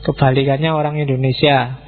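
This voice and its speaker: A man giving an informal philosophy lecture to students, chatty and teasing, acting out quick exchanges and mixing in words. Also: mid-range voice, flat delivery, narrow, tinny audio, soft background music.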